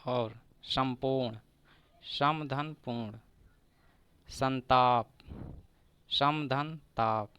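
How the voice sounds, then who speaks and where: A man's mid-range, somewhat bright voice carries a grammar lesson for exam preparation in which he breaks examples down slowly, word by word, and repeats them. The tone is clean and the recording dry.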